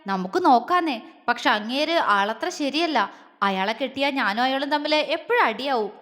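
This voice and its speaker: A playful, cheeky young woman, voiced by a female narrator, throws out quick teasing retorts. The voice sits high and rings with a long hall reverb. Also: lively intonation, fairly bright tone.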